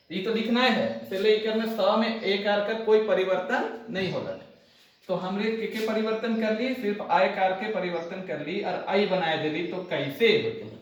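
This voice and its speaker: A man's voice: sits high, distant mic. A man with a Nagpuri accent teaching an exam-prep lesson, explaining step by step, repeating lists and asking if the class understood. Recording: echoey room, voice from off-mic.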